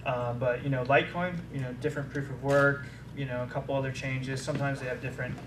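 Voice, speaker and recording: A man answering as a conference panelist, quick and casual with frequent fillers. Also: mid-range voice, fairly even intonation. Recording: distant echoey hall with noise.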